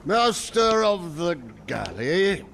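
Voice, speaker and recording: An actor playing a stern, commanding Roman tribune in a historical drama. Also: male voice, high-pitched, sing-song, slow pace, vocal fry, fairly bright tone, a little hiss or hum, heavily acted. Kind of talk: dramatic audio acting.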